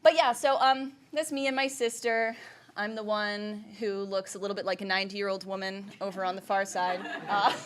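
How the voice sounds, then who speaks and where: A woman's voice: medium pitch, normal speed, slight background noise. Chatty thirtysomething woman from vermont giving a talk, keeps saying like and right?, laughs a lot. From United States (Vermont). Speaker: entrepreneur giving a presentation. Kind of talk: presentation talk.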